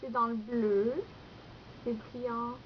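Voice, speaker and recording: A woman's voice: on the high side, level tone, slow, muffled recording, a little hiss or hum. A young woman with a Québécois accent chatting through a nail polish haul, rambling with lots of fillers and self-corrections. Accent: Québécois French. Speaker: beauty vlogger.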